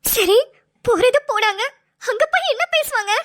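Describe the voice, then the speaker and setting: A woman's voice: very high-pitched, lively intonation, normal speed, fairly bright tone. A woman voicing a jealous young ex-girlfriend in a cartoon, whiny and pleading. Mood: worried. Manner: whiny, pleading, self-pitying. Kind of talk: cartoon dialogue.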